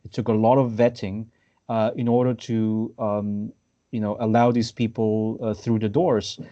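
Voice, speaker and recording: A man from Austria hosts a casual political discussion over a video call. His voice is mellow and dark, and the audio is dull and lo-fi. He hesitates often, fills gaps and restarts his sentences. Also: lowish voice, little pitch movement, measured pace. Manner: hesitant, many fillers and restarts. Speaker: podcast host.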